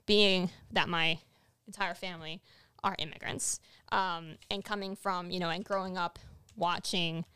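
A woman co-hosting a casual political podcast, talking in an animated, rambling way with many restarts. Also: on the low side, measured pace, clear, resonant tone. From Latin America. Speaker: podcast co-host.

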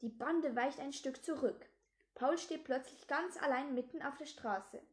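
A woman reading a children's book aloud in steady storytelling, with small slips. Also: sits high, unhurried.

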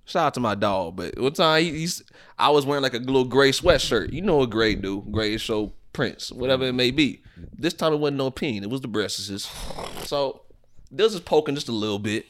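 A young man co-hosting a podcast, telling stories in an excitable, laughing way. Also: medium pitch, moderate pace. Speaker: podcast co-host. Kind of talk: casual chat.

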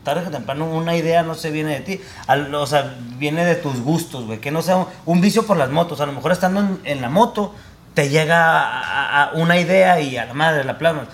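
Guesting on a podcast for a casual chat, a young producer and director with a Mexican Spanish accent rambles, uses slang, and laughs a lot. He speaks briskly, on the high side, with a fairly bright tone.

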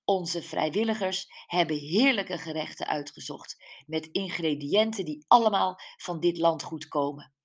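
A woman reads a self-assured, humorous woman from an audiobook. She addresses a crowd in a slow, raised announcing voice. Her voice sits low. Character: woman welcoming a village crowd, lively and confident.

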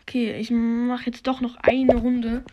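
A woman hosting a podcast while playing a video game, commenting casually and swearing, recorded on a low-quality phone microphone. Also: flat delivery, measured pace, mellow. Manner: slangy, swears, talks to herself and her listeners.

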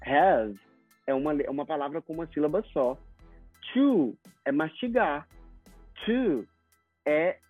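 Talking fast with few pauses, a Brazilian man in a high-ish voice explains English pronunciation through acted-out sample conversations during a casual interview. There's no echo, but the sound is tinny like a phone, and faint music plays underneath.

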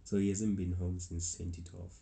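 A young travel vlogger from South Africa, with a South African accent, spins a meandering travel story in a relaxed way, restarting often and chuckling as he goes. His low voice is gravelly yet mellow, barely shifts in pitch, and keeps a moderate pace.

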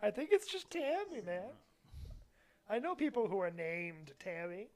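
A man's voice: high-pitched, sing-song, measured pace. A man co-hosting a podcast, chatting casually and making dry, joking remarks about a film. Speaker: podcast co-host. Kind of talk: casual chat while watching a movie.

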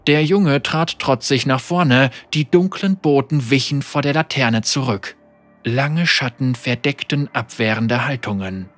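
A man reading a dark fantasy story aloud as a measured audiobook narration. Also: mid-range voice, no room sound, soft background music.

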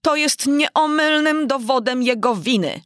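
A woman's voice: sits high, a little slow, fairly bright tone, dry recording, clean studio sound, voice pushed up. A woman reading aloud and voicing a domineering, commanding queen.

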